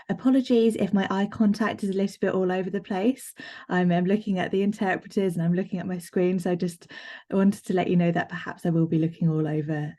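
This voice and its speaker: A woman interpreting a live presentation aloud over a video call, plain and explanatory, in halting phrases. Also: medium pitch, dark tone. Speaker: sign language interpreter voicing a presenter.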